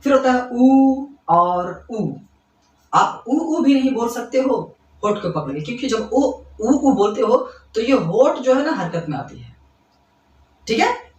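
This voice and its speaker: A very high-pitched, very animated man explains grammar to school students classroom-style, repeating points, checking in with "ठीक है" and quick questions, and calling them kids with fondness. The audio is dull, captured far from the mic in an echoey room.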